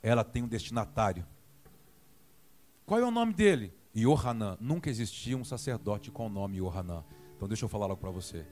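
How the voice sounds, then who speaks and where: A man's voice: on the low side, fast, faint music behind. A man with a Brazilian Portuguese accent preaching a sermon, acting out dialogue and prodding the congregation. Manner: animated, acts out dialogue and prods the congregation.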